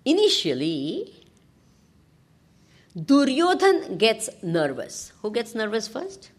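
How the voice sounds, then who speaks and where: A woman with a South Indian accent giving an informal scripture discourse as a spiritual teacher, animated and often prompting her listeners with questions. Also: fairly high pitch, takes it slowly. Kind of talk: informal scripture discourse to a class, with Sanskrit verses.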